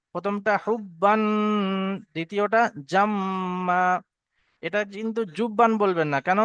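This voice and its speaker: A man teaching Quran recitation to students, spelling out each letter and vowel and then chanting the verse slowly. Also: high voice, fairly bright tone, clear, resonant tone, no echo. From Bengal.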